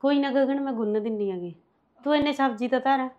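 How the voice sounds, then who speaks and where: A woman playing a gentle, downcast young wife. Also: sits high, fast, close to an everyday voice. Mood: subdued. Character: sad young wife missing her husband abroad. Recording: dull lo-fi sound.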